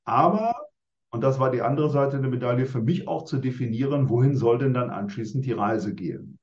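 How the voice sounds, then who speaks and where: A man in his sixties lays out his thoughts step by step in formal, orderly phrases. His voice sits at a middle pitch. The room sounds echoey and the recording is somewhat dull. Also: lively intonation, darkish tone. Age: 60s. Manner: measured, structured, formal wording. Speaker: interviewee. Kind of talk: reflective interview answers.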